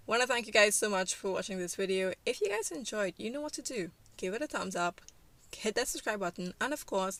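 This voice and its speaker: A woman casually narrating a life-simulation game story for her channel. She chats along with plenty of fillers and easy laughter, at an ordinary middle pitch. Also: a bit bright. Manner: chatty, lots of fillers, laughs easily.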